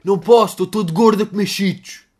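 A man's voice: high voice, quick pace, a little mellow, voice pushed up. A man voicing a lazy, overweight boy who whines excuses while snacking. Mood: whiny.

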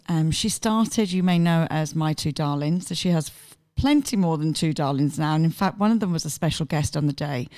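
A woman with a slightly low-pitched voice hosts a casual podcast interview. She speaks in an informal, chatty way, as in an everyday conversation. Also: darkish tone. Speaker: podcast host.

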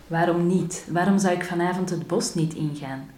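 A woman's voice: fairly low pitch, normal speed, dark tone, a little hiss or hum, close to an everyday voice. A woman voicing a bold young village maiden in a fairy tale who questions and defies everyone. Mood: defiant. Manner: defiant, questioning. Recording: roomy echo.

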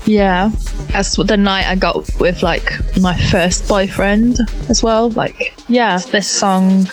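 A young woman in her twenties talks in a Bradford accent at a middling pitch. She tells anecdotes casually, with plenty of slang and emphasis, and faint music plays behind her. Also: fairly even intonation, slow, poor audio. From Bradford, northern England. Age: 20s. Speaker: guest on a music talk show.

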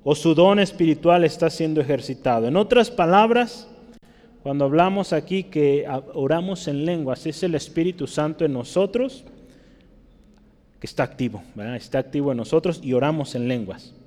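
A man teaches a Bible lesson from the pulpit, his voice sitting a little higher than most men's. He explains patiently and keeps checking in with tag questions. The recording carries a long reverb from a large hall. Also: a little mellow. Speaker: pastor teaching a Bible study. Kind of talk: teaching sermon.

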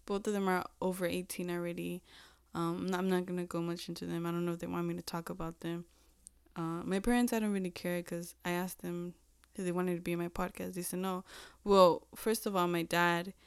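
A young woman in her twenties chats on her own podcast, rambling and self-deprecating with lots of "like" and "um". Her voice is smooth and clear. The sound is dry and close, with no room around it. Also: medium pitch, no echo. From United States. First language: Spanish. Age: 20s. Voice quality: chatty and self-deprecating, heavy use of "like" and "um". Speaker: podcast host. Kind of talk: casual solo podcast chat.

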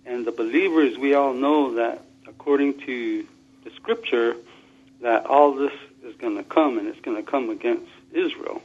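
Man, phone speaker call-in, husky voice, dull lo-fi sound, earnest, mid pitch. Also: normal speed, a little mellow. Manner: earnest, argues from scripture with small restarts. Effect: phone speaker line. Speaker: call-in caller. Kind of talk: call-in talk show chat.

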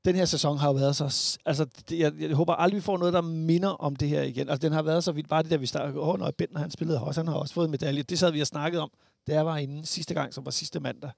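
A Danish man talking as a podcast guest in casual chat, halting and animated, full of restarts. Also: fairly high pitch, vocal fry, dry recording, clean studio sound.

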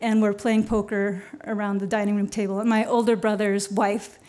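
A woman's voice: mid-range voice, level tone, normal speed, a little mellow. Storyteller: adult woman, casual and chatty, stage anecdote, fillers and dry chuckles. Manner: chatty, with fillers and wry laughs. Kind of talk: live personal storytelling.

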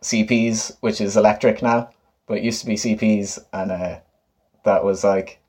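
Low-voiced young west of Ireland man. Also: steady tone, moderate pace, darkish tone, breathy edge. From Galway, west of Ireland. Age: late 20s. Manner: informal, often laughing. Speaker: guest, musician and DJ. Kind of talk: casual interview chat.

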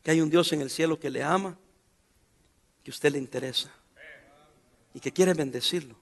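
A middle-aged pastor preaching a sermon in a joking, sarcastic, colloquial manner. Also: male voice, a little high, moderate pace.

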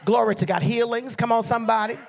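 High-voiced fervent preacher man. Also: little pitch movement, fast, creaky. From Liberia. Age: middle-aged. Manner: fervent call-and-response, frequent "amen, somebody" exhortations. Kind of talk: sermon.

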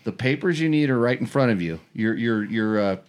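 A man's voice: medium pitch, animated, a little fast. A man who normally hosts, now working as producer, teasing his stand-in host in a rambling way, stumbling over and repeating words. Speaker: regular host acting as producer. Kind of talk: casual comedic chat show.

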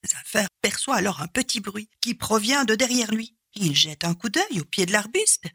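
A woman storyteller telling a folk tale expressively, with dramatic pauses and repeated refrains. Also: mid-range voice, big pitch swings, pushed and bright, husky, dry recording, studio quality.

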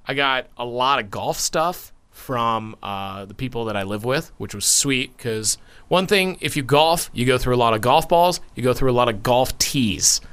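A young man co-hosting a casual podcast, chatting loosely and breaking into loud shouts and laughter. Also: medium pitch, expressive, moderate pace, smooth. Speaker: podcast co-host.

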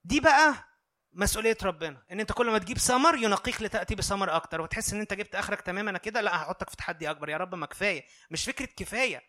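Fast, bright-voiced Egyptian preacher man. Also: high voice. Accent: Egyptian Arabic. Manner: earnest, conversational, checks in with listeners. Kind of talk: sermon.

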